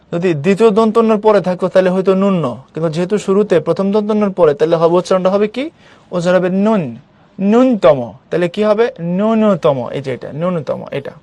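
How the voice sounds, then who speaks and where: A man's voice: high voice, a little mellow, no room sound. Drilling young male teacher, dry close mic. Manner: explains step by step, repeats words for drill. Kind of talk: online class lecture.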